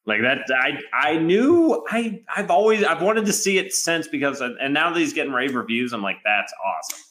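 Animated, bright-voiced man chatting. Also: a little high. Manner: animated, quick bursts, laughs often. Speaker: podcast co-host. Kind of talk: casual chat. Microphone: internet call.

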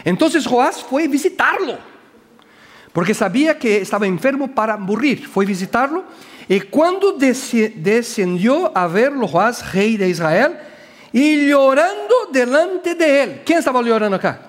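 A man preaching a Bible lesson in Spanish that is not his first language, asking the listeners questions and pausing to search for words. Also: very high-pitched, in a large hall. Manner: animated, asks the audience questions, hesitant with word searches. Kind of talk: sermon, Bible teaching.

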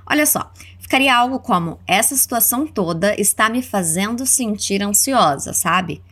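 A woman with a Brazilian accent teaching English words, saying each one slowly and clearly for listeners to repeat. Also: mid-range voice, animated, fairly bright tone. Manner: slow, clear modeling of words for repetition. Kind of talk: language lesson narration.

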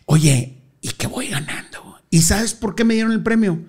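A middle-aged man with a Monterrey accent, a guest telling stories in an animated, slangy way and laughing easily. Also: high voice, moderate pace, breathy edge. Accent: northern Mexican, Monterrey. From Monterrey, Mexico. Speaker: interview guest. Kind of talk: casual storytelling interview.

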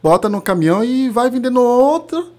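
Haitian-accented man, halting and searching. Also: very high-pitched, sing-song, darkish tone. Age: 30s. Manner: halting, searching for words, frequent restarts. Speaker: guest. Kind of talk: casual interview conversation.

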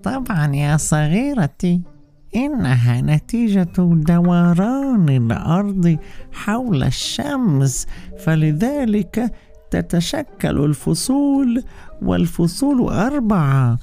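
A man voicing a calm, patient mother tree explaining things to her child. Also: high-pitched, creaky, soft background music, pitched above the performer's own voice, full character voice. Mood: soothing. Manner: slow, soothing, explaining.

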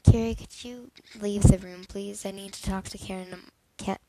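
A woman's voice: mid-range voice, steady tone, normal speed, warm tone, close to an everyday voice, low-quality recording. A woman voicing a stern middle-aged male teacher in a fan fiction reading, giving firm instructions.

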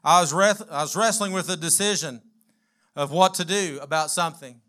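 A man's voice: on the high side, normal speed, bright, forceful tone. A man preaching a sermon as pastor, building with emphatic repeated lines and calling on the congregation to respond.

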